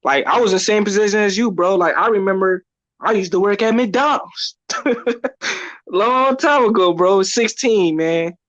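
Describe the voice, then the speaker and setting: A man's voice: high voice, a little slow, fairly bright tone, no echo, highs cut off. A man chatting casually, ending nearly every phrase with "man" or "bro". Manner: tags lines with "man" and "bro". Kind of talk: casual podcast chat.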